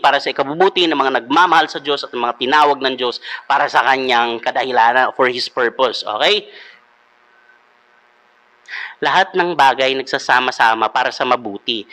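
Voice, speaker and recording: Brief: male devotional host, slightly high, crisp bright tone, playful teacher who quizzes the audience. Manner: playful, quizzing listeners, mixing in English. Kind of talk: comedic live devotional talk.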